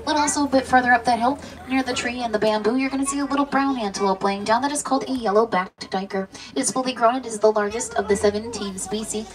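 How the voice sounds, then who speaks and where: A woman working as a safari guide, giving brisk, practised, informative tour commentary from the truck. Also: fairly high pitch. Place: open safari truck outdoors. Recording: distant, noisy vehicle tour announcement.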